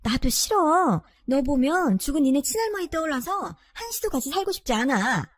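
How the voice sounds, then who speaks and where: A woman's voice: high voice, very animated, moderate pace. A woman voicing a scolding older mother who nags and berates her younger daughter. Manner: sharp nagging scolding.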